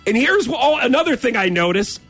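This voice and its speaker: A man with a St. Louis accent telling a casual personal story as a talk show host, acting out the dialogue in an animated way. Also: very high voice, fast, faint music behind.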